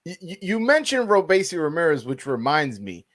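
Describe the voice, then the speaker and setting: A man interviewing casually about sport, haltingly, often repeating words as he forms his questions. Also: fairly high pitch, big pitch swings, a bit bright.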